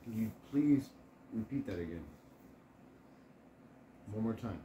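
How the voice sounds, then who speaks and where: A man in his forties co-hosting a paranormal video, talking casually and asking spirits short, unhurried questions. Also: on the low side, lively intonation. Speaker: co-host of a paranormal investigation video. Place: living room at home, indoors. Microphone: camera a few feet away. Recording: roomy echo with loud noise. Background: loud noise from a spirit box session.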